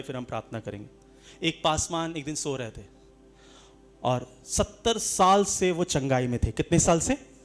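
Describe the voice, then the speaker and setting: A man with a Hindi accent preaching a sermon as pastor, lively, shifting between shouts, laughter and quiet storytelling. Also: on the high side.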